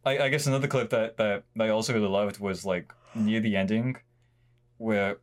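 A man's voice: lowish voice, steady tone, fairly quick. Young man rambling in sweary slang. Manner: profane, slangy, rambling with many likes. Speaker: podcast and livestream co-host. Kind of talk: casual chat, recounting and banter.

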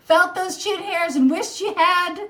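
A woman's voice: very high voice, a little slow, crowd noise. A woman co-hosting a podcast in casual chat over a video call, giggling often. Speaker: podcast co-host.

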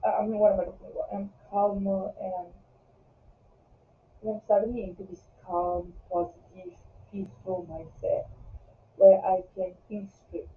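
A young man around twenty talks through a casual confessional vlog in a high voice, rambling and breaking off into giggly asides. He sounds far from the phone mic in a roomy space, and the sound is thin and phone-like. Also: level tone, moderate pace, slight background noise. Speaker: vlogger.

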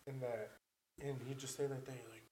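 A man with an average-pitched voice tells a story in a relaxed, rambling way. He leans on filler words and swears freely, like he's chatting with friends. The room around him gives the voice a noticeable echo. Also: moderate pace, a little hiss or hum. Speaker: storyteller on a podcast. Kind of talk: casual chat. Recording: roomy echo.

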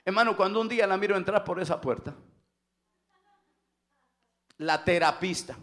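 A middle-aged male pastor preaching a Pentecostal sermon, shouting and throwing in "aleluya" and "hermano" between phrases. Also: high-pitched, normal speed.

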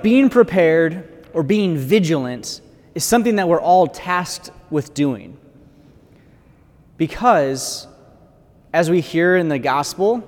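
A man's voice: fairly high pitch, darkish tone. An American man speaking as a priest at Mass in church, his voice carrying a long cathedral echo. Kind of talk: liturgical Gospel reading and conversational homily. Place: large church interior.

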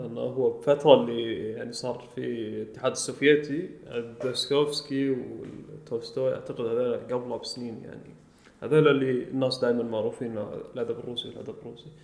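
A man's voice: mid-range voice, gravelly, darkish tone, reverberant. A man, co-hosting a podcast in casual chat, speaking thoughtfully with some hesitation. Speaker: podcast co-host.

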